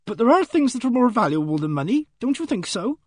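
A man voicing a simpering, gossipy middle-aged female office clerk, speaking slowly in a breathy, sibilant way. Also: extremely high pitch, very animated, darkish tone, no echo, voice pushed up, full character voice. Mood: prim, relishing.

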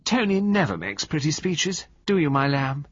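A male reader puts on the voice of a sweet, drawling young society woman gushing at everyone around her, cooing in a high, sing-song, slightly husky voice that swoops a lot. He speaks at normal speed, and the recording is dry and dull.

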